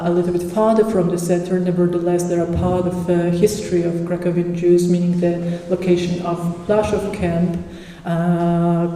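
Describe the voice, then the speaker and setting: A conference speaker giving an academic presentation with slides, halting and full of pauses and fillers. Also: medium pitch, warm tone, slight background noise. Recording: echoey hall with long reverb.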